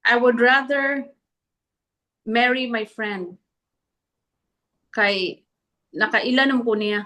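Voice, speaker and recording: Bright-voiced woman in casual chat. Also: fairly high pitch, steady tone, slow pace. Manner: thoughtful, switches between English and Cebuano. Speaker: podcast co-host.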